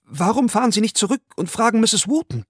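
A man voicing a frightened young worker pleading his innocence, in a high, cracking, hoarse voice. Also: sing-song, a little fast, dry recording, studio quality, full character voice. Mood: pleading, panicked. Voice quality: hoarse, urgent.

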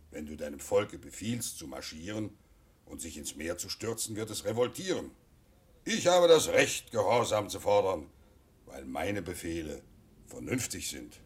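An actor playing a pompous, lonely old king in a children's audio drama, with an imperious, drawn-out, husky delivery. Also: lowish voice. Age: older.

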